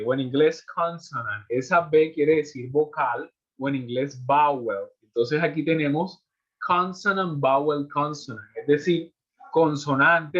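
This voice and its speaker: A man's voice: fairly high pitch, a bit bright. A man teaching an English class in Spanish, explaining rules step by step and checking in with his students after each point. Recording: muffled lo-fi audio.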